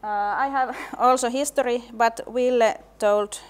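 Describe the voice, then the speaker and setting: Slow-speaking woman presenter. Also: fairly high pitch, steady tone, clear, resonant tone. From Finland. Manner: slow, measured, with frequent hesitations. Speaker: laboratory and design specialist, presenter. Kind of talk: conference presentation.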